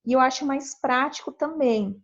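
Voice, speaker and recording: A woman with a Brazilian Portuguese accent gives a screen-share tutorial as a productivity mentor. Her voice sits a little high, and she explains in a chatty way, often checking in with her viewers. The recording sounds slightly muffled and lo-fi. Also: normal speed.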